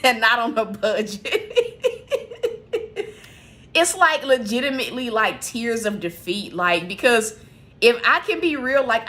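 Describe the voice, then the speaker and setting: A woman speaking candidly to her livestream audience about a hard season of faith. Her voice is bright and clear at a middle pitch, and she talks in a heartfelt, confessional way with many "you know"s and "like"s. She sounds emotional, on the verge of tears. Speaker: ministry livestream host. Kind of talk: candid spiritual sharing on a livestream. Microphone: streaming setup.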